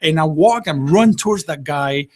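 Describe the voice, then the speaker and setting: A man's voice: on the high side, lively intonation, moderate pace, a little mellow. A middle-aged man from Afghanistan with an Afghan accent, speaking passionately as a guest in a radio studio interview, in non-native English. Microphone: desk microphone.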